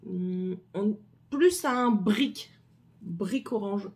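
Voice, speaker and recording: A woman's voice: medium pitch, slow, a little mellow. A middle-aged woman with a French accent, chatting casually through a haul video with many hesitations and repeats. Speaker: vlogger.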